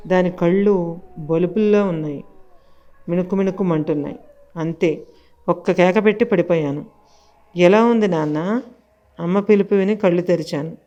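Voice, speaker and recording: A woman narrates a spooky audio story in the first person, measured and suspenseful. Her voice is low and mellow, and the recording sounds slightly dull and lo-fi.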